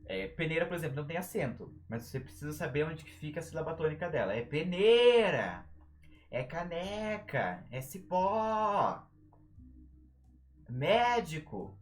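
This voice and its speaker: Lively, joking young Brazilian man teaching. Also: on the high side. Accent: Brazilian Portuguese. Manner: playful, jokey, drags out syllables for emphasis. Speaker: writing tutor. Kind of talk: casual live-stream lesson.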